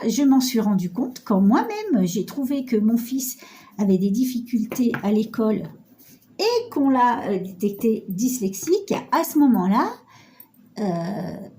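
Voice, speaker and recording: A middle-aged woman with a cold talks slowly in a soft, mellow voice, chatty and self-mocking as she guides the viewer step by step. She is recorded on a phone indoors with faint background noise. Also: a little high. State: nasal with a cold. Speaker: sewing tutorial host. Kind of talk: casual sewing tutorial. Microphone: phone camera.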